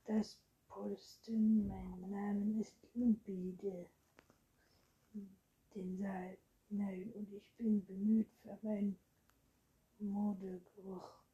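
Woman playing a boastful storybook vampire boy, slow whispery drawl, lo-fi sound. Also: medium pitch, little pitch movement, mellow. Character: vain young male vampire, boastful.

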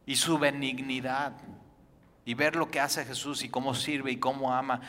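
A man preaching a sermon as pastor, shifting between loud emphatic lines and hushed ones. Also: medium pitch, flat delivery, moderate pace. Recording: long reverb of a large hall.

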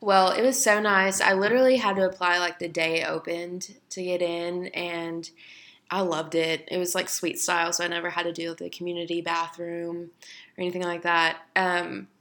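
A young woman co-hosting a relaxed podcast, talking in an easy, casual way. She fills her sentences with quick asides and fillers. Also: fairly low pitch. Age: young adult. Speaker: podcast co-host. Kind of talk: casual chat.

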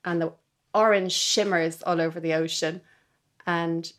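A middle-aged woman talks reflectively as an interview guest. Her voice sits fairly low, and she speaks with earnest wonder. At times her phrases fade into soft near-whispers. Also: steady tone, unhurried. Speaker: guest, violinist.

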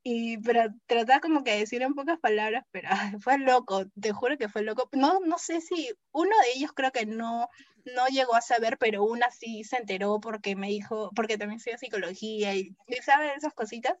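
A young adult woman telling a personal story as an interview guest, acting out the quoted dialogue in a lively way. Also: a little high, fairly quick, no echo, highs cut off.

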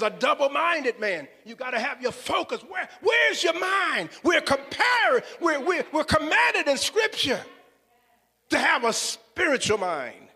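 A man's voice: very high-pitched, bright, forceful tone. A man preaching a sermon fervently, often calling out hallelujah and repeating his words. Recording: long hall reverb.

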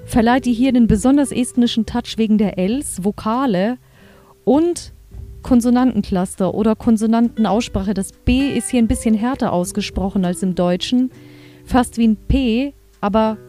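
A woman's voice: a little high, dark tone. A woman hosting a podcast, chatting enthusiastically as she reviews an audio drama episode. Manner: chatty, enthusiastic, reads quotes aloud. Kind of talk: casual chat.

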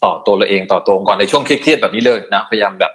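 A man's voice: fairly low pitch, rapid-fire. A man on a podcast as an HR guest, talking bluntly about work and acting out bosses in a casual chat. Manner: blunt, acts out bosses with laughs.

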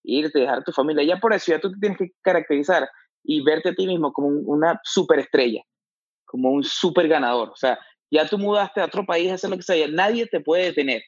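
A man from Venezuela with a Venezuelan accent, talking as an interview guest in a halting way, restarting often and slipping in English words. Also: on the high side, breathy edge, no echo, highs cut off. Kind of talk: casual interview talk.

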